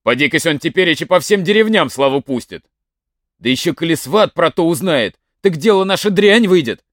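A man's voice: on the high side, animated, moderate pace, a bit bright, dry recording, studio quality. A man voicing a fussy, fretful old peasant father in a folk tale, grumbling and exclaiming.

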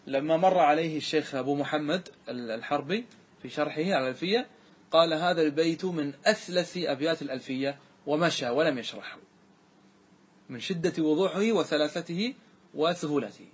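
Husky man teaching a grammar class. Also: on the high side. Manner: quizzes students with quick questions; recites verses slowly and drawn-out. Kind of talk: classroom lesson.

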